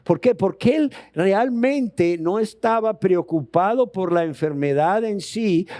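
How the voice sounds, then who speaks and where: A man's voice: high-pitched, warm tone, dry recording, clean studio sound. A man preaching a sermon in an emphatic way, asking his listeners rhetorical questions and retelling scripture stories. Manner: retells scripture stories and acts out the characters' words.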